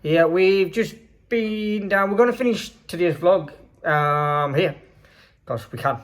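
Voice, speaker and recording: A man's voice: high voice, takes it slowly. Chatty rambling man vlogging. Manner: chatty, rambling with many fillers. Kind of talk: casual vlog chat. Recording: faint background noise.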